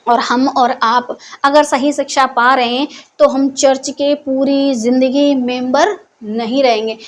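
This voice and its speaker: A woman's voice: high-pitched, steady tone, measured pace, a little hiss or hum. A woman giving a conversational Bible teaching, who keeps putting questions to her listeners and then answering them herself, in a scolding teacher's tone. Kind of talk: Hindi Bible teaching talk.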